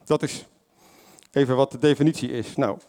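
With a darkish, mid-range voice and fairly even intonation, a lay preacher talks at a normal pace. It's an informal, conversational sermon, thick with fillers and self-corrections, and he keeps questioning the congregation.

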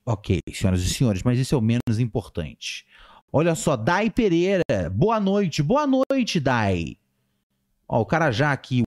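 Animated Brazilian man hosting a live chat. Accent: Brazilian Portuguese. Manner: animated, playful, jumps in pitch when reading names. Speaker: podcast host reading live chat. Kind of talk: casual livestream chat.

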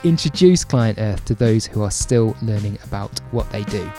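A man's voice: fairly low pitch, expressive, normal speed, over loud music. A man hosting a podcast, chatting casually and introducing the guest. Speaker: podcast host. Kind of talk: casual chat and scripted introduction.

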